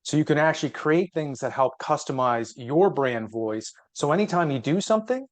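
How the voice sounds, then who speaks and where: A man's voice: a little high, animated, normal speed. A man co-hosting a webinar in casual, matter-of-fact explanatory talk. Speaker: webinar co-host.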